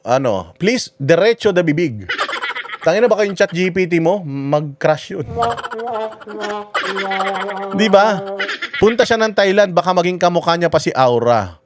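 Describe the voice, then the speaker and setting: A man's voice: a little high, background noise. A man hosting a casual commentary stream, crude and mocking, joking his way through stories. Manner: crude, mocking, jokey, switches into voices for anecdotes. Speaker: host of a political commentary livestream.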